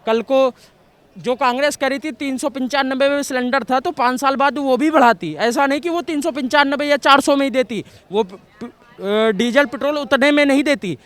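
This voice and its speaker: A man from Uttar Pradesh giving blunt, emphatic opinions to a street reporter outdoors in a city. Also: very high voice. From Uttar Pradesh, India. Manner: emphatic, blunt, repeats points forcefully. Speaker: passerby interviewed on the street. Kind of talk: street vox-pop opinion.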